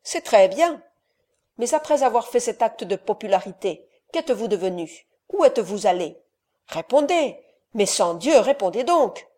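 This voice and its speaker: A woman's voice: medium pitch, expressive, normal speed, dark tone, lightly acted. A woman reading the part of an angry, sardonic nobleman who scolds his son with scornful commands. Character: angry, sardonic middle-aged nobleman father. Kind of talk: audiobook character reading.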